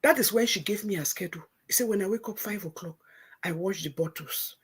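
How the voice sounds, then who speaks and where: A woman's voice: medium pitch, a little fast, slightly rough. A middle-aged woman with a Nigerian Pidgin-tinged English accent, hosting and telling a story animatedly, voicing her own past lines in quotes. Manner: retells conversations in quoted speech, emphatic and motherly. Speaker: show host.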